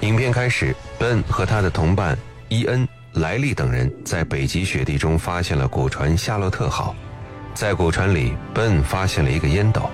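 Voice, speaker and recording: Man, low voice, scripted film narration, music behind. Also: animated, normal speed. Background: background music.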